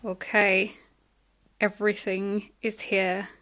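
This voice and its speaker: A young woman chatting casually in a vlog, bubbly and excitable, with lots of "um" and "like". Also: mid-range voice, takes it slowly. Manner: bubbly and excitable, many "um" and "like" fillers. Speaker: cosplay vlogger.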